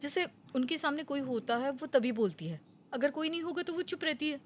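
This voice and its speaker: A young female friend from a storybook, acted by a woman, with a bright, high voice. She leans in and confides her scheme in a playful, conspiratorial way. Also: expressive, fairly quick, a little hiss or hum. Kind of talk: Hindi storybook voice acting.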